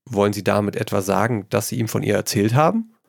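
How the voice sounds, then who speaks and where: A man reading a story aloud, voicing an earnest young gentleman who talks quickly when he is flustered. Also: lowish voice, creaky, no echo, clean studio sound.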